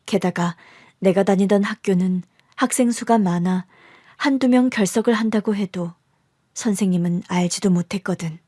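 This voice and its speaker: A woman's voice: mid-range voice, normal speed, no echo, clean studio sound, lightly acted. Woman as a confiding middle-aged mother. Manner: soft, confiding storytelling. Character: middle-aged birth mother telling her hard past.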